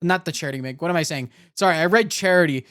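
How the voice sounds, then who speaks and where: A man's voice: fairly high pitch, fast, fairly bright tone, no room sound, studio quality. A man telling lore as a streamer, with casual asides and a hesitant, self-correcting delivery. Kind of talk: live storytelling with casual asides.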